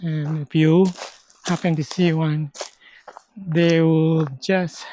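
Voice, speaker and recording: A man from the Philippines vlogging a forest hike, explaining things slowly in short halting phrases, sometimes out of breath. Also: fairly high pitch, flat delivery, warm tone, a little hiss or hum. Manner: slow, halting, explains step by step. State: out of breath at times. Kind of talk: casual hiking vlog. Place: outdoors on a forest trail.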